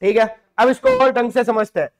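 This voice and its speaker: A man's voice: very high voice, brisk. A man teaching physics as a classroom lesson, explaining step by step, asking and answering his own questions and calling students "beta".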